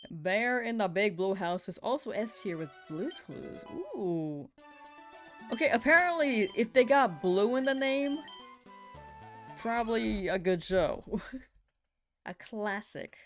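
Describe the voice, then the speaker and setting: A woman's voice: medium pitch, lively intonation, slow pace, soft background music. A young woman streaming a game, chatting casually and giggling as she reads viewer messages. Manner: laid-back, giggly, chatting with viewers while hunting in a game. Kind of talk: casual live-stream chat.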